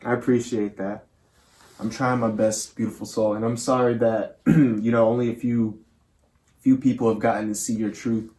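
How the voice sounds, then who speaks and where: A man's voice: fairly low pitch, flat delivery, normal speed, warm tone. A man speaking earnestly as the host of a spirit box session, with affectionate, reverent wording toward viewers and spirits. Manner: addresses listeners and spirit with affectionate, reverent words.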